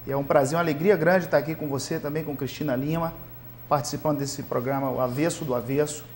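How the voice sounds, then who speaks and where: A man from Salvador, a singer guest on a TV interview show, speaking gratefully and modestly in relaxed chat. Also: fairly high pitch, fast talker, slight background noise. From Salvador, Bahia, Brazil. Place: local TV studio.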